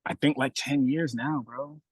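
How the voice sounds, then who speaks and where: A man from Boston, a rapper, talking casually in an interview from a bus stop, slangy and relaxed, saying "bro" a lot. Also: medium pitch, unhurried, breathy edge, no echo. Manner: laid-back slangy talk, says "bro" a lot. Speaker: rapper guest.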